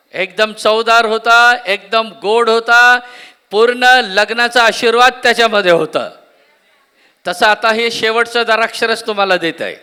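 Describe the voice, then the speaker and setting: A man's voice: extremely high pitch, pushed and bright, smooth. A man preaching a sermon at a church conference, often asking the congregation questions and repeating key words. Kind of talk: Marathi sermon.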